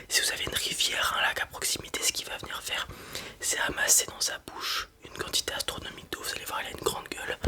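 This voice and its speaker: Whispering throughout, the speaker roleplays a breeder guiding a customer in ASMR style, giving informal step-by-step explanations punctuated by hesitations and brief check-ins.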